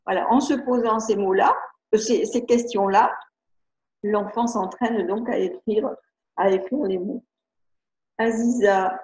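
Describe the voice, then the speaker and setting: A woman's voice: mid-range voice, steady tone, a little slow, pauses often, a little mellow. Hesitant French woman on a video call. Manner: hesitant, many restarts and fillers, chatty. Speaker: educator hosting a webinar. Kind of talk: live video-conference talk, reading viewer questions. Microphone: computer mic on video call. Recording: muffled roomy video-call audio.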